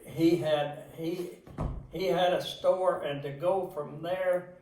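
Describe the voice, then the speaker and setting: Slow, echoey older Appalachian man reminiscing. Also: a little high, fairly even intonation, a little mellow. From southwest Virginia mountains. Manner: halting, plain-spoken, folksy. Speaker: interviewee. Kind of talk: casual oral history reminiscence. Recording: echoey room, distant microphone.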